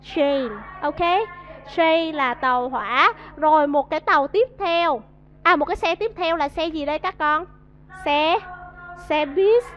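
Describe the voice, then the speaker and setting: A woman's voice: high voice, a little slow. A woman with a Vietnamese accent teaching an English vocabulary lesson to a class, coaxing answers and drilling pronunciation. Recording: dull lo-fi audio.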